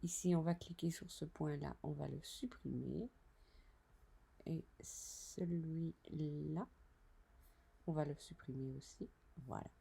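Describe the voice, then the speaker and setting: A woman tutoring design software over a screen recording, chatty and narrating each step with self-correcting asides. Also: low voice, slow pace, creaky, long pauses, husky.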